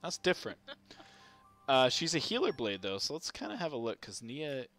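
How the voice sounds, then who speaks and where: A man's voice: mid-range voice, wildly swooping pitch, normal speed, a bit bright, faint music behind. A man giving casual, wry running commentary while streaming a video game, reacting aloud to each result.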